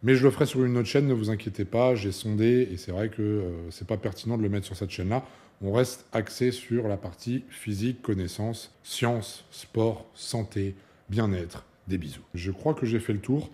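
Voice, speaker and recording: A man's voice: on the low side, normal speed, dark tone. A young man, a fitness coach, talking casually to camera, chatty and emphatic, with many fillers and asides.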